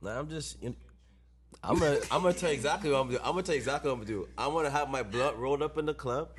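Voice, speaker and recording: A man's voice: medium pitch, very fast. A man co-hosting a casual chat podcast, laid-back and telling stories, dropping "you know what I'm saying" often. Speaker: podcast co-host.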